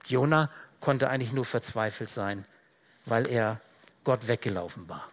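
A man preaching a sermon in a casual, conversational way, often dropping to quiet, low tones for emphasis. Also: normal speed. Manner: rises and gets louder when reading out dramatic Bible quotes.

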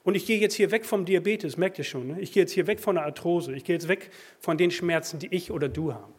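A man preaching a sermon, swinging from loud emphatic bursts to quiet asides. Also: sits high, fast, breathy edge. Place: church.

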